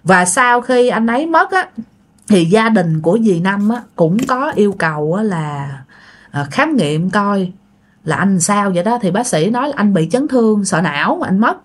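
A woman's voice: mid-range voice, lively intonation, normal speed. Chatty Southern Vietnamese woman telling a ghost story. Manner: chatty, addresses listeners directly. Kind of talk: casual ghost story narration.

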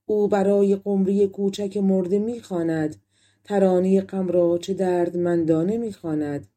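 A woman voicing a sorrowful young maiden who recites a lament slowly, like a chant, in a storybook reading. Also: mid-range voice, fairly even intonation, dark tone, lightly acted. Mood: mournful.

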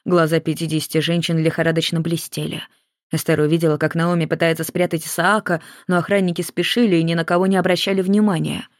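A narrator reading a novel aloud in a steady, measured way. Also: medium pitch, dry recording, studio quality. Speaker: audiobook narrator.

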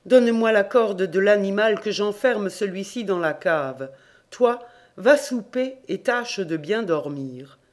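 A kindly, hospitable old priest from a storybook, as the audiobook reader puts him on, coaxing and firm at once. He chivvies and reassures in a voice of middle pitch. The lines are read with only light colouring. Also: animated, takes it slowly. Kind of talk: audiobook character reading.

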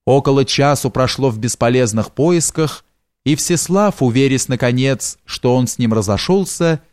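A man narrating a historical novel in a steady, measured reading. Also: medium pitch, no echo, clean studio sound. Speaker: audiobook narrator.

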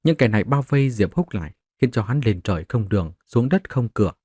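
A man's voice: fairly low pitch, lively intonation, quick pace, warm tone, husky, no echo, studio quality. A man narrating a martial-arts novel as a scripted audiobook, voicing the characters in his own voice.

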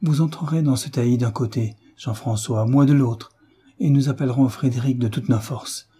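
A man's voice: medium pitch, normal speed, mellow, husky. A man reading the part of a frightened young mother, speaking with anxious urgency.

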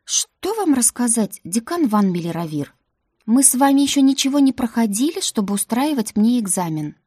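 A woman voicing a sharp-tongued young woman student from another world, talking high and sarcastic. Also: big pitch swings, normal speed, slightly rough, no echo, studio quality.

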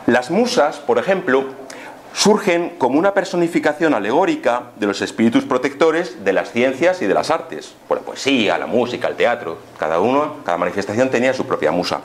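Brisk and expressive, a medium-pitched man with an accent from Spain gives a relaxed explanatory talk on spiritism. He teaches by asking rhetorical questions and tossing in little tags to check on listeners.

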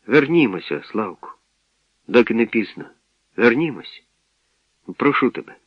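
A man's voice: mid-range voice, very animated, measured pace, slightly rough, no room sound. A man voicing a sulky, gloomy boy who whines and pleads, on a dull lo-fi radio recording. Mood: pleading. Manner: whiny, pleading.

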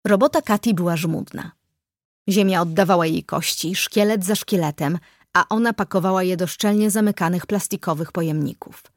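A woman narrating an audiobook in the first person, reading evenly and in a measured way. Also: on the low side, no room sound, clean studio sound.

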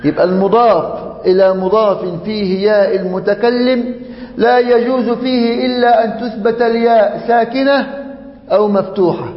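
Male sheikh, high pitch, drills grammar examples and chants verses; long reverb in a big hall. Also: fairly even intonation. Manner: slow, drawn-out chanting of Quran verses and example forms; repeats examples to drill the class, checks in with the students. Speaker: sheikh teaching Arabic grammar. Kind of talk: religious grammar lesson. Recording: dull, echoey lecture hall audio.

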